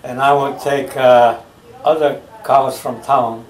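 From his recliner in the living room, an older American-born man gives a family oral history interview, haltingly recalling his childhood with many pauses for details. His voice is mid-range with fairly even intonation. The camera mic is across the room, giving a roomy, distant home-video sound.

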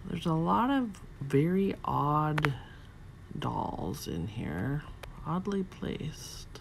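A woman vlogger and reseller casually narrating as she browses an antique store, softly marveling and sometimes dropping to a whisper. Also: sits low, big pitch swings, drawn-out words, creaky, slight background noise. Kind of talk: casual shop-along narration. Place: cluttered indoor antique store.

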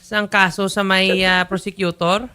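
A man's voice: high voice, little pitch movement, unhurried, pushed and bright, clean tone. A man hosting a public-service interview show, pressing his callers firmly but politely. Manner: firm, pressing questions, polite "sir" and "po". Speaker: host.

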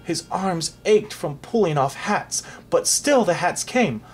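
A reader narrating a storybook aloud for a child in an expressive, animated way. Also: mid-range voice, slow pace, a little hiss or hum.

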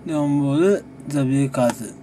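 A man who makes gaming videos, chatting casually through a monthly recap, relaxed and rambling with frequent chuckles between sips of a drink. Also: medium pitch, very fast, a little hiss or hum. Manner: talks while sipping a drink.

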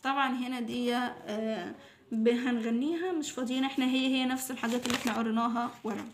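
A woman with an Egyptian Arabic accent teaching English to young children, patiently repeating each new word slowly several times. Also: on the high side, steady tone, noisy background. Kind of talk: recorded lesson for young children.

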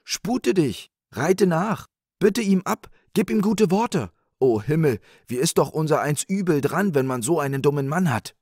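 A man voicing a scolding peasant wife in a spoken fairy tale, with a shrill, nagging manner. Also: expressive, unhurried, darkish tone, dry recording, clean studio sound. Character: screeching scolding peasant wife, middle-aged.

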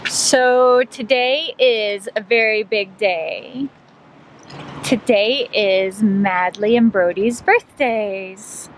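A woman's voice: mid-range voice, drawn-out words. Woman vlogging outdoors, noisy background. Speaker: travel vlogger. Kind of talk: casual vlog chat to camera. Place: outdoors in a campground. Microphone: camera at arm's length. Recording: outdoor camera audio with clear background noise.

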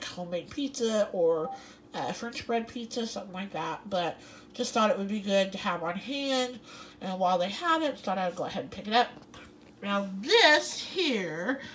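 A woman talks her way through a grocery haul in her home kitchen, chatty and rambling. She fills pauses with um and you know and laughs often. Her voice sits at an ordinary pitch, with a faint hiss in the background. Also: a bit bright, low-quality recording. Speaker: vlogger. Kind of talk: casual grocery haul vlog.

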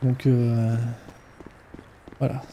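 A male streamer in relaxed, chatty casual commentary over his game. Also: medium pitch, very slow, slight background noise. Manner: relaxed, chatty, laughs often.

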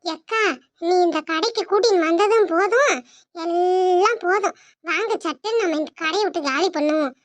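A woman's voice: very high-pitched, moderate pace, dry recording. A woman doing a fed-up young cartoon woman. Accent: Tirunelveli Tamil. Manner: fed-up, urging. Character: impatient young woman, eager to leave.

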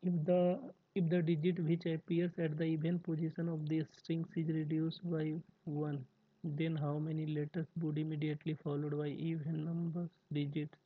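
A man, tutoring through mock exam puzzles, reading questions slowly and then rattling off solving steps in Hindi. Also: on the high side, completely flat delivery, dry recording. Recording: dry tinny phone-like audio.

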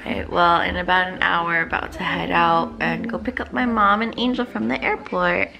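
Chatting into a handheld camera held at arm's length, this young adult vlogger and mom records a laid-back family vlog at home, in the car and in a crowded restaurant. She speaks at a moderate pace in a fairly low, gravelly, even voice, and crowd noise can be heard.

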